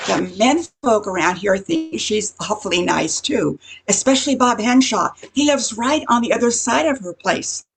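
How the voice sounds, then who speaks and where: An older woman with a husky, creaky voice plays a nosy, gossiping neighborhood busybody in an amateur radio comedy. Her medium-pitched delivery is animated and moderately paced with few pauses, chatty, confiding and insinuating.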